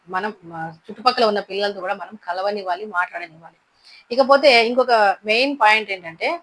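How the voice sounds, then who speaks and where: A woman's voice: mid-range voice, fairly bright tone, low-quality recording. A woman teaching a parenting class, giving earnest advice and repeating her key points, with English words mixed in.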